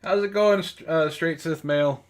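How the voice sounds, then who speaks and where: Speaking at a normal speed in a fairly high voice, this man hosts a comedy book club reading. He reads bad fan fiction aloud in a casual way, breaking off now and then to swear and react with amused exasperation.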